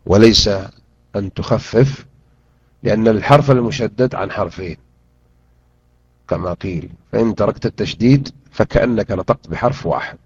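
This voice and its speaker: A man teaching a Quran interpretation lesson, drilling pronunciation and repeating words slowly and deliberately. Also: fairly low pitch, husky, dry recording. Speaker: Islamic teacher. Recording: dull lo-fi recording.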